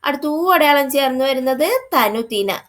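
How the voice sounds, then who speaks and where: A woman's voice: sits high, animated, unhurried, a bit bright. A woman teacher, patiently explaining a first-grade workbook lesson. She asks questions and then answers them herself.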